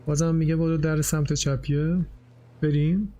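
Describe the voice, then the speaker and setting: A man's voice: fairly high pitch, level tone, dark tone. A man streaming a video game, giving casual commentary that relays and argues with the game's narrator. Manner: chatty, translates and talks back to the narrator. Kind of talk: casual let's-play commentary.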